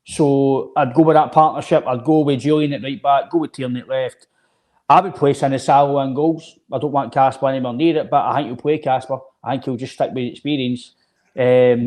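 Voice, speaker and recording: A man's voice: mid-range voice, a little mellow. A man co-hosting a football podcast, casually talking through his predictions with frequent restarts. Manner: hesitant restarts, confident predictions. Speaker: podcast co-host.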